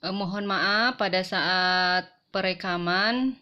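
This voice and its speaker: A woman teacher calmly explaining an online lesson, speaking slowly and carefully with frequent pauses and fillers. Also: fairly low pitch. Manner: slow, careful, apologetic with fillers. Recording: dull lo-fi recording.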